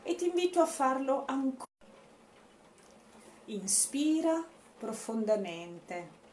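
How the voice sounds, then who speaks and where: A woman leading a guided breathing meditation as an instructor, speaking in a deliberate, instructive way with pauses. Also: sits high, very animated, darkish tone. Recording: echoey room, faint background noise.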